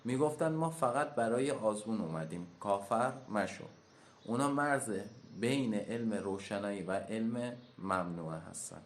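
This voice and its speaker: A man teaching in a classroom-style lecture at a whiteboard, explaining step by step and slowly spelling out pronunciations. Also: on the low side, lively intonation. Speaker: teacher of occult lore.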